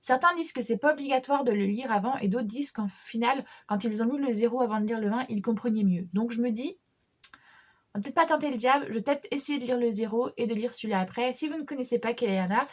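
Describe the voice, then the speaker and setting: A young woman chats about the books she plans to read, in a relaxed, rambling way. Her voice sits a little higher than most, and she fills pauses with hesitations and quick laughs. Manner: chatty, many fillers and restarts, light laughs. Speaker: book vlogger. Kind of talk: casual chat about books.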